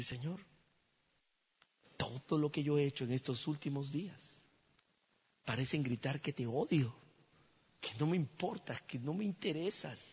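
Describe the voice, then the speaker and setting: A man preaching a sermon in a church, telling a story dramatically and swinging between loud exclamations and hushed near-whispers. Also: mid-range voice, husky, muffled recording.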